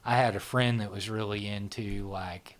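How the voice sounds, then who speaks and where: In a relaxed interview, the middle-aged founder and host of a psychology channel speaks in a lowish, steady voice at an ordinary pace. His answers wander and are packed with filler, and he repeatedly asks "right?" and "you know?"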